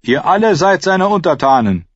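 Ein Mann liest einen arroganten jungen Lord, spöttisch und befehlend, in einer Hörbuchlesung. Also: male voice, sits high, very animated, moderate pace, breathy edge, dry recording, highs cut off, voice pushed up, exaggerated voice. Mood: scornful, commanding. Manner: mocking, commanding. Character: arrogant young male usurper lord. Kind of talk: audiobook reading.

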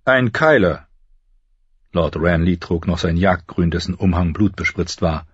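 Deep, husky male audiobook narrator. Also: little pitch movement, moderate pace, no room sound, dull audio. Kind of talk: scripted narration.

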